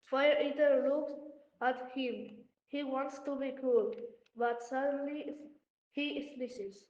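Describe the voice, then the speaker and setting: Woman storyteller, high voice, simple children's narration, dull echoey audio. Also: steady tone, a little mellow. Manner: simple, clear and deliberate. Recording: echoey muffled room.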